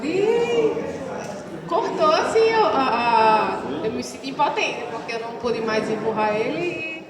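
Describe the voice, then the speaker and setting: A woman from the audience answers slowly, halting between words, her voice high and rising and falling widely. She sounds far from the mic in a very echoey hall. A crowd murmurs clearly around her. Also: expressive. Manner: hesitant, halting. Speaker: audience volunteer.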